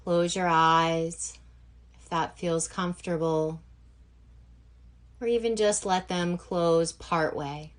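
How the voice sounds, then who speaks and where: Leading a guided meditation, a female yoga nidra teacher speaks in a fairly low voice with fairly even intonation. Her relaxation cues come very slowly and softly, separated by long pauses.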